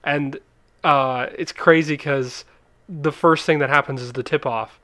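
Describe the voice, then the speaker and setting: A man's voice: fairly high pitch, steady tone, a little slow, bright, forceful tone, no echo. Canadian man in casual film chat. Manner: rambling, restarts sentences, laughs often. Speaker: podcast co-host.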